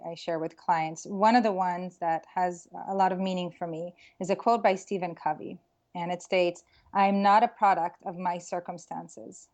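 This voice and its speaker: A woman's voice: on the low side, darkish tone. A middle-aged woman from Israel, a career coach, talking reflectively in an interview with frequent ums and restarts. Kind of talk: casual interview talk.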